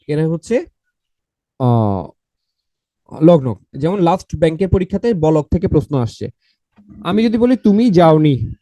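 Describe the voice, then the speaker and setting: Guy teaching grammar, highish soft voice, keeps asking the class stuff, dry sound. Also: dry recording. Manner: repeats points, quizzes the class with questions. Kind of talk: online exam-prep lecture.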